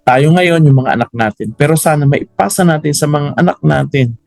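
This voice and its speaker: A man's voice: on the high side, fairly quick, gravelly, darkish tone, dry recording. A man preaching at a Bible study, telling stories with animation and challenging listeners with questions.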